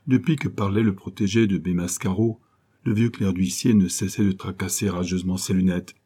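A man reads a classic novel aloud in a measured, even way. His voice is fairly low, and the tone is mellow and soft-edged. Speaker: audiobook reader. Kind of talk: scripted narration.

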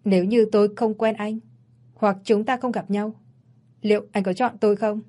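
A woman's voice: mid-range voice, steady tone, normal speed, warm tone, natural voice. A woman voicing a frightened but stubborn young woman, pleading and defiant, in a read-aloud story. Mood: scared, pleading.

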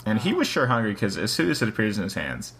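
A man's voice: lowish voice, big pitch swings, fast talker, creaky, a bit bright, a little hiss or hum. A man co-hosting a casual chat, reading a story aloud and talking it over in a rambling, self-questioning way.

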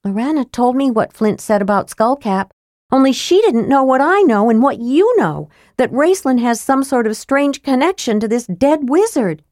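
A woman's voice: sits high, animated, normal speed, darkish tone, no room sound, studio quality, pitched above the performer's own voice. A woman voicing a fiery, jealous young woman who pleads and accuses in a raised, tearful voice. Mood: angry.

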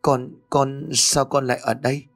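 A man's voice: medium pitch, level tone, normal speed, gravelly, a bit bright, no room sound, clean studio sound, soft background music. A man voicing a sickly young woman who murmurs weakly in an audio horror story. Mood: faint. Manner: weak, murmuring.

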